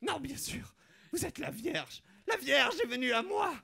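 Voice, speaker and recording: Fanatical woman politician with a German accent, very high and shrill, ranting in religious fervour; a man plays her. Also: animated, a little slow, vocal fry, bright, forceful tone, heavily acted. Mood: startled.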